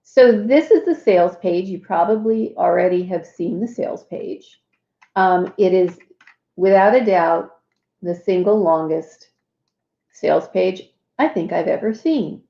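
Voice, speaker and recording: A woman hosts a casual live walkthrough and talks slowly, with plenty of fillers and small asides. Her voice sits at a middle pitch. It sounds roomy and a little dull. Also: gravelly, warm tone. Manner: chatty, lots of fillers and asides. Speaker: host.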